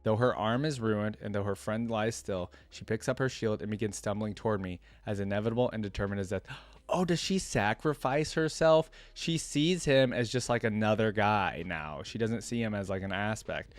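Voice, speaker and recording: A male reaction-video host with a lowish voice reads a fantasy story aloud, mixing in casual, off-the-cuff commentary. His delivery is informal and colloquial, at normal speed, with almost no room sound.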